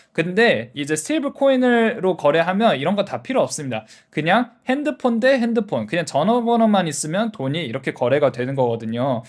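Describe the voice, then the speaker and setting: A man from South Korea hosting a casual explainer, going step by step with simple examples and rhetorical questions. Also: on the high side. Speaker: explainer video host.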